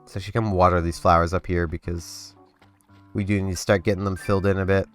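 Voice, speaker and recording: Talking fairly quickly in a low, flat voice, this congested young gaming-channel host rambles over his gameplay, cutting himself off and restarting amid lots of fillers. It's a dry, close-miked recording with game music faintly audible.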